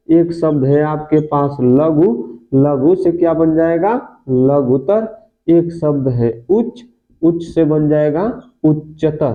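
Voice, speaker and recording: A male teacher giving a grammar lesson, asking questions and answering them himself, repeating key words and calling his listeners friends. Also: a little high. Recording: phone-like lo-fi audio.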